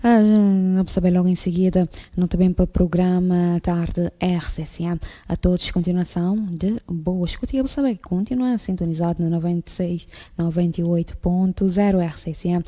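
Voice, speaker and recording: A woman radio host wrapping up her program in a relaxed manner with fillers. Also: fairly low pitch, fairly quick, few pauses, in a large hall.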